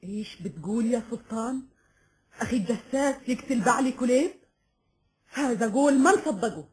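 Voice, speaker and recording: Actress as anguished noblewoman, slightly high voice. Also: animated, normal speed, a little mellow, a little hiss or hum, lightly acted. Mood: troubled, questioning. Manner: dramatic, questioning.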